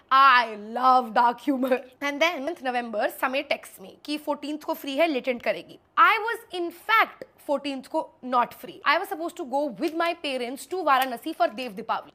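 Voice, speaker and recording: Bright, high-voiced young woman telling a story. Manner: rapid mix of Hindi and English, animated and self-mocking. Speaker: influencer storyteller. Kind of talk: casual storytime monologue.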